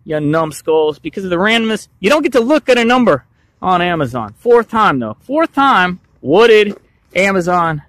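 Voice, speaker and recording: A man hosting a casual toy unboxing vlog, jokey and animated, swinging between loud hype and quick mumbled asides. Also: high-pitched. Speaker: toy review host.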